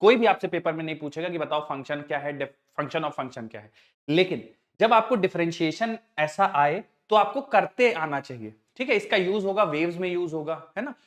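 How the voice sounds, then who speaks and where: A man's voice: a little high, lively intonation, normal speed. A middle-aged man teaching maths to a class, patient, often checking whether the students follow on the terms. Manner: patient, addresses students as children, asks frequent check questions.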